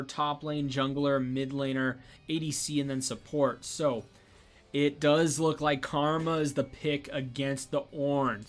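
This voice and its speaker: A young man casting a college esports match in casual, rambling commentary, sleepy and yawning, with lots of fillers and restarts. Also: a little high. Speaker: esports caster.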